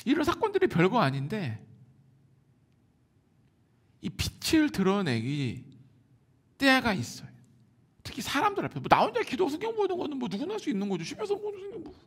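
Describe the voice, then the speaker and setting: A male pastor preaching a sermon in an animated, emphatic way, telling stories and acting out other people's voices. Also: very high voice, normal speed, long pauses, breathy edge. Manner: animated, emphatic, many filler words; acts out quoted voices. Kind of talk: sermon with storytelling.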